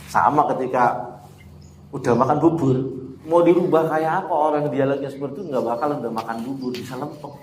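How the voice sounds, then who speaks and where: A man's voice: medium pitch, slight background noise. A man teaching a Quran lesson in an informal classroom way, chatty and often laughing as he answers students. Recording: echoey room with faint ambience.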